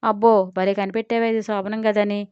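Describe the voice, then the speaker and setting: Brief: woman reading a brusque, cocky young husband, gruff and mocking, smooth tone. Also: medium pitch, level tone, fairly quick, no room sound, highs cut off, natural voice.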